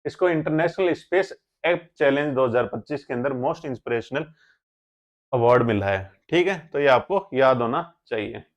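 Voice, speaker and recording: A man's voice: mid-range voice, lively intonation, normal speed, muffled recording. A man teaching a current affairs lesson for exam students, explaining step by step and often asking questions before answering them himself. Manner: explains step by step, keeps asking rhetorical questions and checking with "theek hai?".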